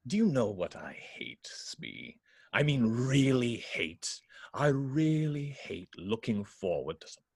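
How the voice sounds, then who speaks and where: A man acting a melodramatic, sulking, unhinged pirate captain in a script table read, theatrically swinging between whispers and shouts. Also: mid-range voice, big pitch swings, takes it slowly, gravelly, breathy edge, no echo, studio quality, heavily acted. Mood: brooding.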